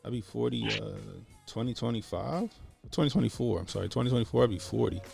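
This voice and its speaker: A podcast host in his late thirties from the Baltimore area with a gravelly edge to his voice. He spins loose, profane stories in an easygoing way, and faint music plays underneath. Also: mid-range voice, quick pace. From Baltimore area, USA. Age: 30s. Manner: profane, laid-back storytelling. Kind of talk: casual podcast chat.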